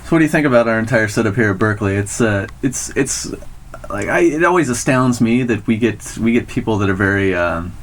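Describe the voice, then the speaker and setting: A man's voice: on the low side, animated, brisk, a little hiss or hum. A man interviewing a guest for student radio, chatty and rambling, full of fillers and restarts. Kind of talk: casual interview.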